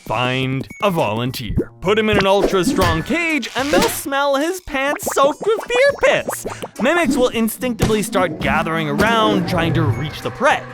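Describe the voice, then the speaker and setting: A video host with a mid-range, sing-song, slightly slow voice narrates a casual comedic explainer. The tone is sarcastic and mock-dramatic, with free swearing, and background music plays under the voice.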